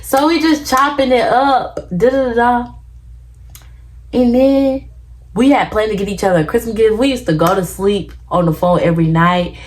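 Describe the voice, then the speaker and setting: Young woman, casual storytime vlog, animated, acts out what people said. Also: a little high, moderate pace. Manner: animated, acts out quotes, many "da da da" fillers. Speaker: vlogger.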